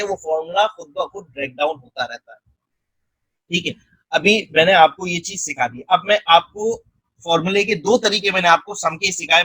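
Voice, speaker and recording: Bright husky-voiced man teaching software. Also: sits high, no room sound, poor audio. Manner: step-by-step, frequent check-ins. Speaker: software tutor. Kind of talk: screen-recorded tutorial narration.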